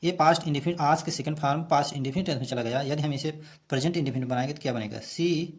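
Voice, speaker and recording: Guy explaining english grammar in hindi, bit high voice, reads each line slow then translates, repeats stuff patiently. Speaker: English teacher. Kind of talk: bilingual grammar lesson.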